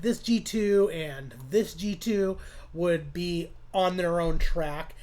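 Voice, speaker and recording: A man hosting a casual music production tutorial, rambling and profane, with many fillers and restarts. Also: high voice. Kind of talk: casual screen-recorded tutorial.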